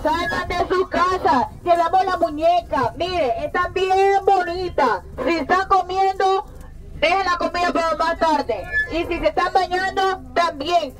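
A woman's voice: very high-pitched, poor audio. A young Salvadoran woman calling out a toy giveaway through a megaphone from an open truck bed outdoors. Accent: Salvadoran Spanish. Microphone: handheld megaphone mic.

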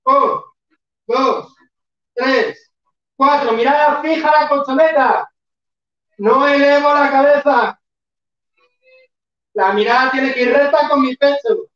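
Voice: sits high, slow pace, pauses often. Echoey lo-fi fitness instructor counting reps. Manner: counts reps and urges the class on, sometimes shouting. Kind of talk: live online workout class. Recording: echoey room, far from mic, dull lo-fi.

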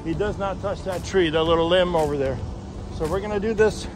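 A middle-aged tow truck driver narrating a casual vlog, explaining each step plainly with lots of "uh" fillers, recorded on a handheld phone outdoors. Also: male voice, sits high, fairly quick, music in the background. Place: outdoors on a muddy wooded hillside. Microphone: handheld phone camera. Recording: outdoor phone audio with wind and engine noise. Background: truck engines and outdoor noise.

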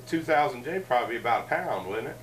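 Speaking quickly in a mid-range voice with lively intonation, this middle-aged show host jokes his way through a rambling chat in a cluttered living room, full of asides. The sound comes from a distant camera mic fixed across the room, over faint room noise.

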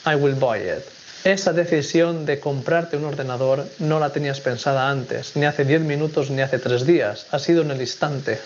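A man from teaches English grammar in a recorded video lesson. He explains each point in a clear, measured way and says the English examples slowly. The audio is dull and lo-fi, with a faint hiss behind him. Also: fairly high pitch.

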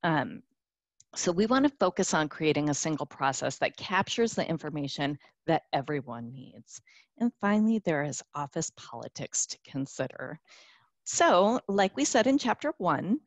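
Woman, webinar presenter, deep voice, upbeat, filler-heavy, dry close sound. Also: very animated, normal speed, no room sound. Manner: upbeat, with many fillers and restarts. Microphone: conference call line.

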